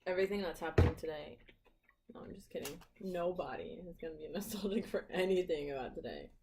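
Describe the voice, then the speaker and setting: Lively st louis woman, voice jumps all over, laughs a lot while eating. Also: lowish voice, slight background noise. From St. Louis, Missouri, US. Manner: animated, quick to laugh, playful. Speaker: co-host. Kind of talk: casual mukbang chat.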